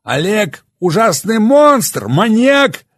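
A man voicing a furious, bitter young man who shouts and sneers. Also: sits high, expressive, moderate pace, breathy edge, pitched above the performer's own voice. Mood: drunk sarcastic. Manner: shouting, raging, bitter sarcasm.

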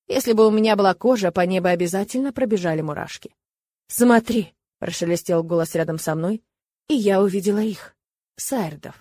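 A woman narrating a first-person fantasy audiobook with expressive, lively storytelling. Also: mid-range voice, dry recording.

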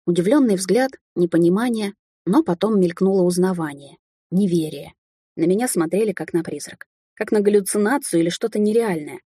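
A woman narrating a fantasy novel in the first person, with lively, emotional storytelling. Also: medium pitch, slightly rough, no room sound, studio quality. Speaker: audiobook narrator.

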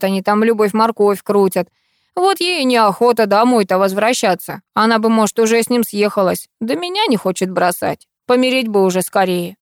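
A woman's voice: fairly high pitch, dry recording, clean studio sound. A woman voicing a gloomy, grumbling old grandfather in an audiobook. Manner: grumbling, sorrowful.

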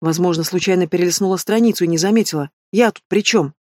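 A woman's voice: lowish voice, fast, a little mellow, no echo, clean studio sound, close to an everyday voice. A woman voicing a mocking young heroine. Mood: exasperated. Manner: mocking, cool retorts. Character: sharp-tongued young woman student, the heroine.

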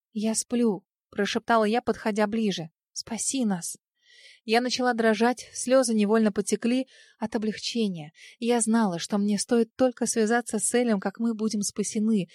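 A woman narrating a first-person fantasy audiobook in a soft, emotive storytelling manner on a close mic. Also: on the high side, dry recording.

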